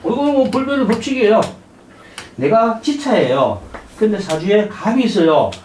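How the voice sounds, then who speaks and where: A man's voice: high-pitched, animated, normal speed, a little mellow, roomy sound, a little hiss or hum. A middle-aged man, giving a live lecture to a class. He keeps putting questions to the class and acting out little voices. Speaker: saju lecturer. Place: lecture room with audience.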